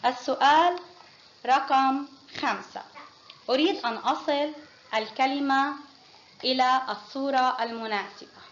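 A woman's voice: sits high, moderate pace, pauses often, a bit bright. A woman kindergarten teacher in a classroom, patiently quizzing pupils one by one and praising each answer. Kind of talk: classroom phonics lesson. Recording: muffled lo-fi with faint noise.

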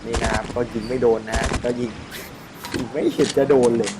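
A man's voice: medium pitch, steady tone, brisk, very noisy. Chatty man doing game commentary. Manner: chatty, swears freely, jokes to himself. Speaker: gaming channel host.

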